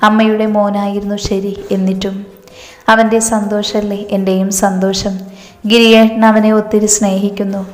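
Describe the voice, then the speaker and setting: A woman voicing a loving middle-aged mother in a storytelling reading, soft and emotional. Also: medium pitch, little pitch movement, normal speed, natural voice. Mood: tender, sad. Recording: echoey room with long reverb.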